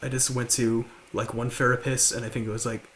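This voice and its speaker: A young man in his late teens with a slight lisp, talking quietly and haltingly to the camera at home. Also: mid-range voice, flat delivery, a little hiss or hum. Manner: halting, with many fillers and restarts. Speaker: vlogger. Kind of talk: confessional talk to camera. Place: large house, indoors.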